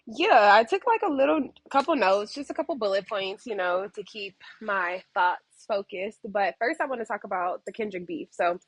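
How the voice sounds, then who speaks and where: Young SoCal woman, mid-pitched, rambling casual vlog delivery with excited pitch spikes; close, dry recording. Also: normal speed, hardly any pauses, breathy edge, no echo. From Southern California. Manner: meandering, heavy use of "like", sudden excited jumps in pitch. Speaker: vlogger. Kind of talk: casual reflective monologue. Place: a friend's home, indoors.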